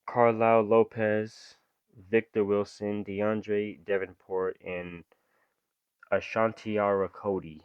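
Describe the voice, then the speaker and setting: A young man reads true-crime stories aloud and drops into loose, slangy commentary between passages. His voice sits fairly low. The recording is dry and a little dull, like a home mic with the highs rolled off. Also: little pitch movement, takes it slowly, clear, resonant tone, dry recording. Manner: reads story aloud, then breaks off into slangy asides. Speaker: reaction video host. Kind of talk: casual reaction commentary.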